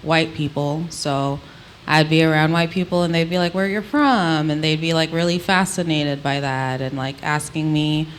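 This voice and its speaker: Woman, Antiguan accent, low register, candid interviewee telling her own story, light ambient noise behind her. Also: steady tone, moderate pace. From Antigua, Caribbean. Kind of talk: reflective personal storytelling in conversation.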